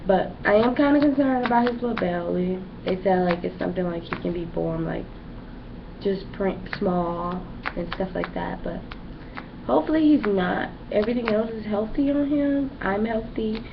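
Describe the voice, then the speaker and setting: A gravelly, medium-pitched voice at a moderate pace belongs to a young pregnant vlogger giving a loose, casual update. Fillers pepper her rambling chat, recorded at home in dull lo-fi quality with background noise.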